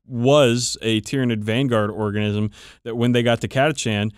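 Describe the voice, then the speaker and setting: A podcast host casually and eagerly walks through game lore, swearing for emphasis. He has a smooth mid-range voice with fairly even intonation at a moderate pace, recorded at studio quality with no room sound.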